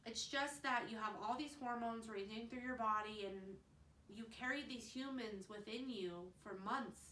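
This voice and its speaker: Bright-voiced young mom vlogging advice. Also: female voice, medium pitch, slight background noise. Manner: earnest, fast-talking, chatty. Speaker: vlogger, mother of twins. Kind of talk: casual advice vlog. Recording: roomy, slightly distant mic.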